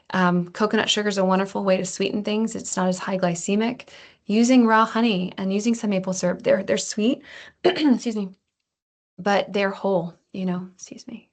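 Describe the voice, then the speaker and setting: Gravelly-voiced woman giving a casual health talk. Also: on the low side. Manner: chatty, restarts often, uses fillers. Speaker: health presenter. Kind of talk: casual webinar lesson.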